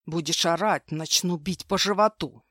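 A woman's voice: fairly low pitch, normal speed, fairly bright tone, no echo, studio quality. A woman voicing a vicious, drunken husband who snarls coarse threats, read in an audiobook. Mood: menacing. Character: brutal drunken husband, male adult, vicious.

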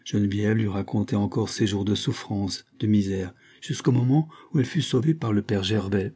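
Mellow, husky male audiobook narrator. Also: lowish voice. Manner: measured, expressive narration. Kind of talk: novel reading.

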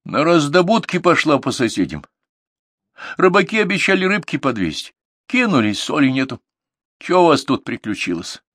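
A man's voice: on the high side, sing-song, moderate pace, a bit bright, dry recording, clean studio sound, voice pushed up. A man voicing a tearful old village grandmother who sighs and pleads in rural speech. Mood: plaintive. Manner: sighing, plaintive rural speech.

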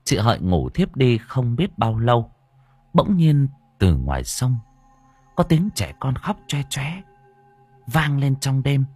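Husky, expressive male storyteller. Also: mid-range voice, takes it slowly. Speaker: audiobook narrator. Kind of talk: storytelling narration. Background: faint background music.

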